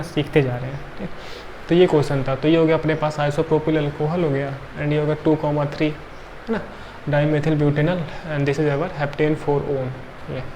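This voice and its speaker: A tired man teaches chemistry in a fairly high voice. He works step by step, counting aloud and checking in with the class often. A faint hiss sits under the recording. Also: darkish tone. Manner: counts atoms aloud, frequent checking tags. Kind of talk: classroom lecture.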